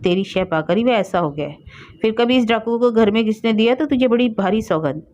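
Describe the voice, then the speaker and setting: Lady doing an angry village husband yelling orders, high and loud, dull lo-fi recording. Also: animated, brisk, lightly acted. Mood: furious. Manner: shouting and threatening.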